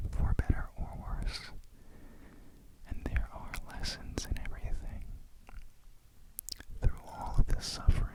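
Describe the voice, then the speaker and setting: A person whispering ASMR affirmations and guided meditation in a reflective, deliberate way. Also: rough recording. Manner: slow, reflective, deliberate phrasing.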